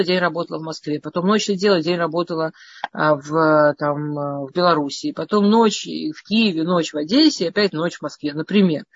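A woman's voice: on the low side, no echo, muffled recording. A middle-aged woman from Russia casually telling her life story in a meandering way, often restarting and stammering over words.

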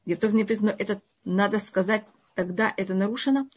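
A woman with a foreign, non-native Russian accent speaks quickly in a mid-range, slightly rough voice; Russian is not her first language. She is a religious teacher giving a live online lesson, answering audience questions and emphatically repeating and rephrasing her points. The online stream audio sounds dull and lo-fi.

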